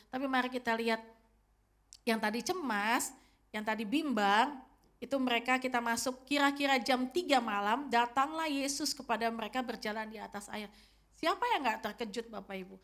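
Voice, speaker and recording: A woman's voice: fairly high pitch, fairly quick, a bit bright. A woman in her fifties preaching a sermon as pastor, telling the story directly to her congregation. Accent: Indonesian. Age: 50s.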